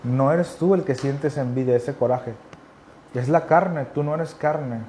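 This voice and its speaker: A man's voice: fairly high pitch, measured pace, warm tone, a little hiss or hum. A man preaching a sermon in an earnest, conversational way, repeating key phrases for emphasis. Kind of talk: sermon teaching.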